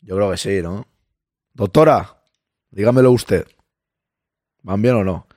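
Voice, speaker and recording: A man, hoarse and losing his voice, hosting a live-stream podcast and chatting casually, greeting listeners and reading their messages aloud. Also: fairly low pitch, takes it slowly, darkish tone, no echo, studio quality.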